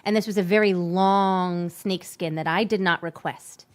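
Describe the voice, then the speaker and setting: A woman with a touch of vocal fry, chatting casually and animatedly as co-host. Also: on the low side, steady tone, normal speed. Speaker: music teacher and co-host. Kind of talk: casual chat.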